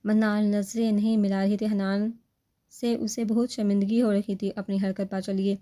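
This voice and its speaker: Woman reading a love story out loud, flat delivery, dark mellow tone. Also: medium pitch. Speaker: narrator. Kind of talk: storybook narration.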